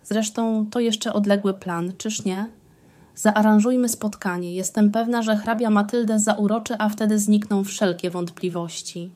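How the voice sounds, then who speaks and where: A woman's voice: medium pitch, fairly even intonation, measured pace, a little mellow, lightly acted. A woman voicing an effusive aristocratic countess and wife who talks in an emphatic, gushing way.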